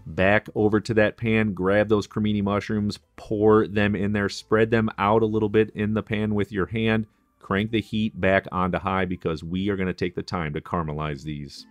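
A chef walks through a recipe step by step in a cooking tutorial, friendly and instructive, sharing practical kitchen tips. He speaks at a moderate pace in a lowish voice with flat delivery, and the recording carries no room sound.

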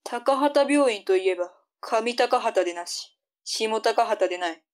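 A woman's voice: a little high, expressive, measured pace. A woman playing a strict, bossy mother in a tongue-twister audio drama. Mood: instructing.

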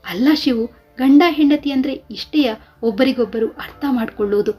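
Lady reading as a sad young wife pleading her side, breathy warm voice, storybook. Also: sits high, moderate pace, soft background music. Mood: hurt. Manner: pleading, questioning. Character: young married woman, hurt and misunderstood.

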